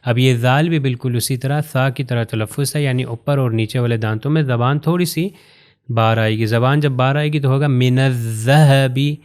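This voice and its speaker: A man from Pakistan, teaching Quran recitation patiently and step by step, pointing to written examples and slowing down to recite phrases carefully. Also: mid-range voice, darkish tone. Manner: slows down to recite Arabic phrases with care. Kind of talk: recorded lesson explaining to learners.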